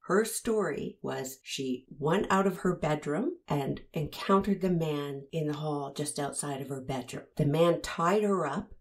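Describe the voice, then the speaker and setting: A woman with a deep voice and darkish tone hosts a commentary analyzing interview footage. She presses the listener with pointed rhetorical questions.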